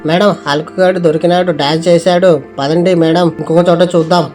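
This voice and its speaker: A man narrating gameplay in an excitable way, with many exclamations. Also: on the high side, fairly quick, faint music behind.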